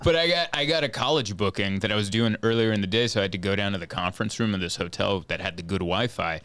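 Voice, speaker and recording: A man's voice: on the low side, fast talker, a bit bright, clean tone, dry recording. A man in his thirties, a guest comedian on a studio podcast, telling road stories in casual chat and laughing as he goes. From born in Hungary, raised in San Diego. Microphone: studio boom mic.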